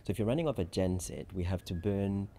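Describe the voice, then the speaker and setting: A man from Zambia, a chief risk officer answering interview questions at a conference in measured, structured explanations. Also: sits low, warm tone, slight background noise.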